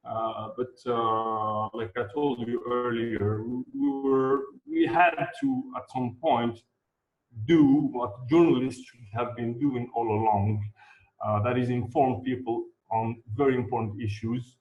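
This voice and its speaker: A man from Algeria, an activist guest speaking in a live online interview, halting with many fillers and repeated words. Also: mid-range voice, steady tone. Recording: echoey, dull lo-fi remote audio.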